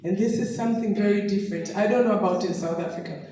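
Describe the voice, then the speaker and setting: A middle-aged Tanzanian woman, a business distributor appearing as a guest speaker, shares an anecdotal personal testimony and laughs often. Her mid-range voice is quick and dark in tone, and she is recovering from a sore throat. She's recorded from far off in an echoey hall, with slight background noise.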